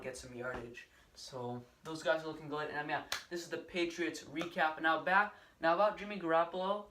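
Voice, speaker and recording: A man's voice: a little high, a bit bright, recorded from a distance, slight background noise. A young man giving a casual, rambling solo sports recap with many fillers and restarts. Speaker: sports vlogger.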